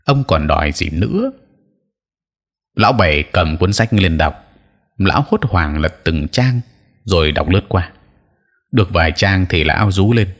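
A man reading an audio story aloud in steady, dramatic scripted narration. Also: low-pitched, moderate pace.

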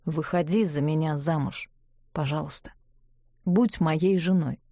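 A woman voicing a tender older man, a powerful inquisitor, who speaks softly and gently. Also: low-pitched, a little slow, no room sound, clean studio sound, pitched below the performer's own voice. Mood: quiet. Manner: soft-spoken, gentle.

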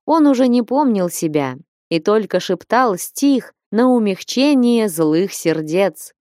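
A woman narrating an audiobook in a measured, unhurried reading. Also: medium pitch, lively intonation, mellow, no room sound, clean studio sound.

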